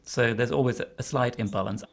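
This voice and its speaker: A man's voice: medium pitch, fairly quick, vocal fry. A man talking as an interviewed expert, explaining in an informal but informed way. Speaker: interviewed expert on deer populations.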